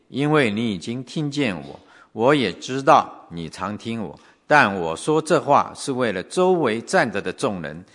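A man's voice: medium pitch, fairly bright tone. A man leading a church service, reading scripture aloud and shifting his voice for each quoted speaker.

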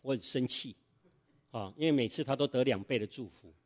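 A man's voice: mid-range voice, fairly quick, a little mellow. A middle-aged man preaching a sermon in church, telling a story and quizzing the congregation with fill-in-the-blank questions.

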